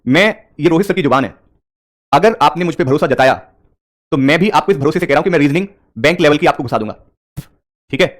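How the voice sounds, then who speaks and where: A man's voice: a little high, expressive, quick pace, pauses often. A man teaching reasoning for bank exams in a live online class, speaking mixed with English terms and talking straight to his students.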